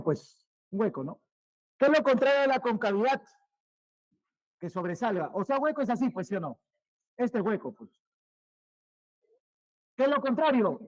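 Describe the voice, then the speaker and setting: A male teacher, giving a vocabulary lesson, repeating each word more and more quietly and quizzing his students. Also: sits high, dry recording, poor audio. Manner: repeats words, trailing off quieter, asks questions.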